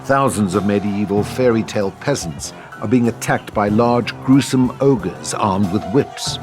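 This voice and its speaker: With clear music playing in the background, a man with a fairly low voice reads a script's scene directions in a scripted manner at a measured pace.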